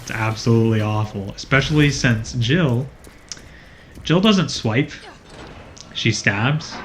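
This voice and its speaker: A man's voice: medium pitch, takes it slowly, slight background noise. A man commentating on a video game, explaining its mechanics with dry, wry remarks. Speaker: let's play commentator. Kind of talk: casual gaming commentary.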